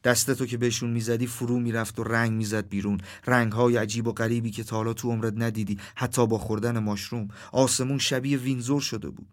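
A man reading a surreal literary story aloud, measured and soft. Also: mid-range voice, little pitch movement. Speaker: narrator.

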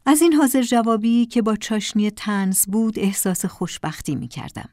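Calm woman reading a story. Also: medium pitch, dry recording, studio quality. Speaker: narrator. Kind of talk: first-person story reading.

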